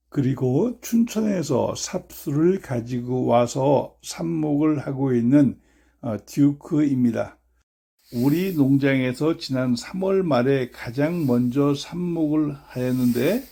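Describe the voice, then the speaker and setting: Slow, gravelly-voiced farmer explaining. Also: male voice, mid-range voice, dark tone. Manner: measured, explanatory, frequent "uh" fillers. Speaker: blueberry farmer and channel host. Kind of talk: instructional farm vlog narration. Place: outdoors on a farm.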